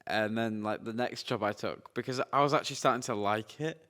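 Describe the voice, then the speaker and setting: Laid-back young man, low voice. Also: brisk, a bit bright. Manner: rambling storytelling full of fillers and slang. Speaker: podcast co-host. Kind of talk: casual chat.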